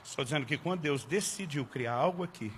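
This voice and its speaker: A man's voice: a little high, lively intonation, fairly quick, a bit bright, slight background noise. A man, a pastor, preaching a sermon through funny family anecdotes and playing up his own exasperation. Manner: comic anecdotes with acted-out exasperation. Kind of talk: humorous storytelling sermon.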